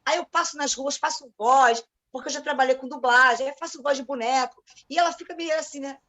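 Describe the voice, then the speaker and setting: A woman with a Rio de Janeiro Brazilian accent telling stories in casual chat, animated and acting out the dialogue in different voices. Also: high-pitched, a little fast. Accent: Brazilian Portuguese, Rio de Janeiro.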